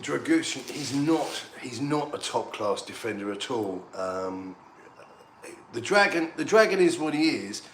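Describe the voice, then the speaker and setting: A man, a little tipsy, giving excitable, rambling banter while streaming a football match. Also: medium pitch, unhurried. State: slightly tipsy. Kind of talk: casual live match commentary. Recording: echoey room, faint background noise.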